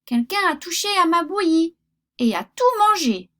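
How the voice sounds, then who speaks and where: A woman voicing a tiny little bear cub in a storybook reading, in a high, squeaky voice. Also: very animated, moderate pace, pushed and bright, exaggerated voice. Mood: upset.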